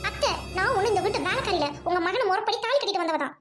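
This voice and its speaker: A defiant young daughter-in-law, played by a woman in a family skit. She swings between pleading and cold threats in a very high voice, talking fast. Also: expressive, over music. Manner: pleading one moment, cold threats the next.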